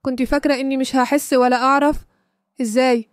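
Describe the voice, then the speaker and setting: A woman reading the lines of a jealous, furious young male lover in Egyptian Arabic, quickly and evenly in her own voice. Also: high-pitched, flat delivery, clear, resonant tone, no echo, studio quality, close to an everyday voice. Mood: angry.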